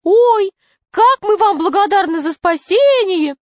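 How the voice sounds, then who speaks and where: A woman's voice: very high voice, lively intonation, unhurried, no room sound, voice pushed up. A woman voicing two adult male tricksters who speak together, gushing with exaggerated gratitude. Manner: gushing, overly grateful. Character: two fawning adult male tricksters, voiced as a high chorus.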